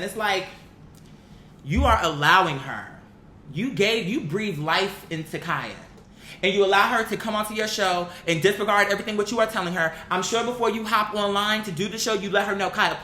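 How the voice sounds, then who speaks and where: A woman's medium-pitched voice comes across bright and forceful. Commenting online, she's blunt, opinionated, exasperated and emphatic, swearing freely and pressing her points with rhetorical questions, recorded amid room echo and faint noise.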